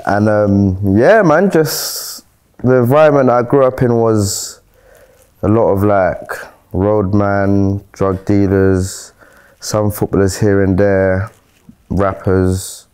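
A man's voice: on the low side, slow pace, darkish tone, smooth. A man in his thirties with a South London accent, telling his story in a laid-back, jokey way with slang during a casual podcast interview. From South London, England. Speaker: fitness coach and brand co-founder. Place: bright studio lounge set.

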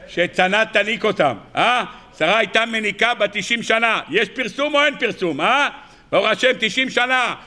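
Bright, high-voiced rabbi preaching. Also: male voice. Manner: animated, asks the audience rhetorical questions; acts out characters with sudden high cries. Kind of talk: weekly Torah sermon.

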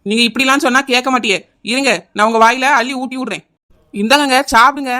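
A woman's voice: high-pitched, fast talker, bright, forceful tone. A woman voicing a young village wife in a cartoon comedy, with a Kanyakumari Tamil accent, pleading and insistent. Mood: coaxing. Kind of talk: animated cartoon comedy dialogue.

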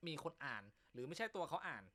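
Comic male host, crude teasing banter, bright tone, animated delivery. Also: fairly high pitch, quick pace. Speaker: comedy show host. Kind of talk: casual joke-telling chat.

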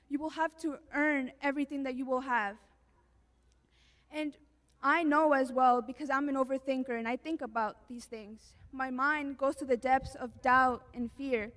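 A woman's voice: high voice, fairly bright tone. A teenage girl delivering an earnest, heartfelt speech as a graduating student speaker. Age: teens.

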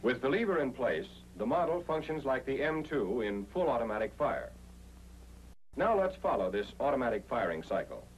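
In the manner of a 1940s instructional film, an American man lays out military training in careful, step-by-step fashion. His voice is medium-pitched and sing-song at a normal pace, heard through a noisy soundtrack with hum.

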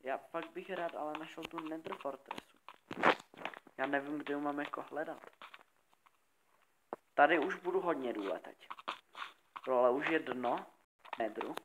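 A young man talking quietly and rambling with lots of fillers as he comments on his own gameplay. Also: a little high. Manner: soft-spoken, rambling with many fillers. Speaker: gaming YouTuber. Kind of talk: casual Let's Play commentary. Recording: loud background noise.

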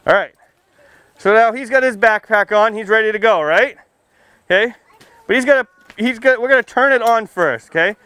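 A high-voiced firefighter speaks briskly to kids but leaves long pauses, his tone pushed and bright on a dry recording. Outdoors beneath a tent canopy beside a building, he gives a small seated audience a simple, interactive safety talk. He asks plenty of questions, teases playfully, and checks in with "okay" and "right."

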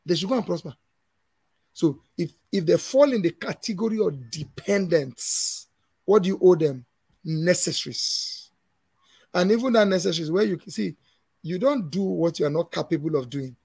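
Emphatic Nigerian man, gravelly husky voice. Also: sits high, lively intonation, moderate pace, a little mellow, dry recording. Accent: Nigerian English. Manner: emphatic, preachy, laughs often. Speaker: conference speaker. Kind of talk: conference panel answer.

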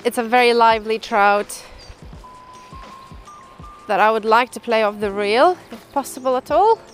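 A woman with a slightly high voice and moderate pace makes self-deprecating small talk while fly fishing outdoors by a river. She gets excitable when a fish bites. The camera mic is at times distant, and music plays behind her.

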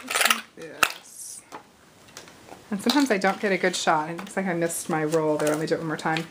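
A woman in her thirties hosting a casual crafting tutorial, chatty and a little hoarse, with apologetic asides while she works at arm's length from the camera. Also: fairly low pitch, rapid-fire, heavy background noise. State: slightly hoarse, losing her voice. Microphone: camera at arm's length over the craft table.

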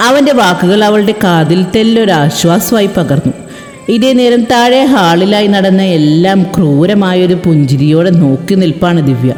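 A woman narrating a dramatic story in an expressive reading style. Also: fairly low pitch, normal speed. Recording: echoey reverberant room with music.

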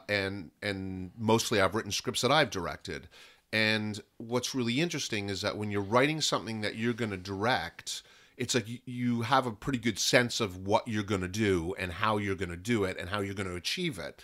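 A man from Canada, a film and content producer talking as a podcast guest in a lively way, often restarting sentences and piling up examples. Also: fairly low pitch. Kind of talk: casual interview talk.

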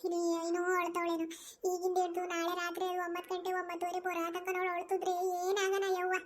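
A woman's voice: very high-pitched, completely flat delivery, quick pace, a little hiss or hum. Woman doing a weepy grandma. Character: weepy old grandmother hooked on TV.

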